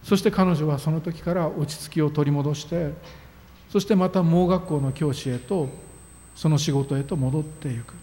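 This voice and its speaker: A man's voice: on the high side, normal speed, warm tone. A man preaching a sermon as a pastor, earnest and emphatic, with sudden rises in his voice. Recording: long reverb of a hall.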